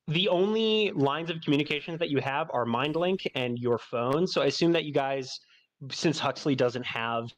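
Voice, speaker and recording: A man narrating as game master of a tabletop role-playing game, rambling with many fillers and restarts. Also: medium pitch.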